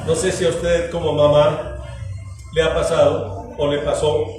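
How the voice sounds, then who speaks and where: High-voiced pastor preaching, echoey hall. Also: male voice, little pitch movement, measured pace, a little mellow, slight background noise. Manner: preaches with rhetorical questions to the congregation and acted-out everyday scenes. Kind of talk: sermon. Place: church hall. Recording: echoey church hall from far off with music.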